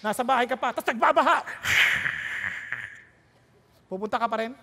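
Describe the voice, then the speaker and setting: A woman's voice: fairly high pitch, normal speed, in a large hall, noisy background. A woman pastor preaching a sermon, throwing rhetorical questions and jokes at the congregation while mixing Tagalog and English.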